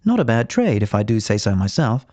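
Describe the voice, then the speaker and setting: A man's voice: lowish voice, big pitch swings, fairly quick, dark tone, no echo. A man reading a scripted installation tutorial in a chatty, reassuring, instructive manner, on dull, muffled audio. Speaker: instructional video narrator.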